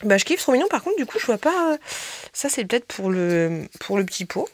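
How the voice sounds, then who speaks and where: A woman chatting casually as she unboxes a beauty haul, gushing and excited over each little item. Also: medium pitch, a little fast, dry recording. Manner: gushing, excitable, squeals over small items.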